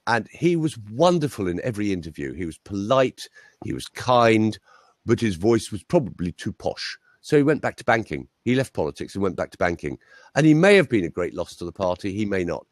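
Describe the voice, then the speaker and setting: Lively low-voiced man telling anecdotes. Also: fairly quick, dry recording, clean studio sound. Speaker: voice coach. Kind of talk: casual interview chat.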